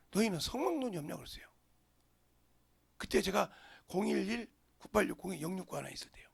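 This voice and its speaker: Gravelly animated pastor, husky. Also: male voice, sits high. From Jeolla, Korea. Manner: animated, drops to whispers for emphasis. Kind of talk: sermon.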